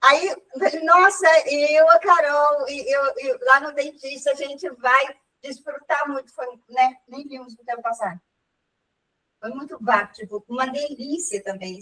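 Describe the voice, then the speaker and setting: A woman, older, telling a lively personal story in casual chat, laughing often and acting out what people said. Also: sits high. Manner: animated, laughing, acts out dialogue. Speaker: group member sharing a story. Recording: voice from far off the mic.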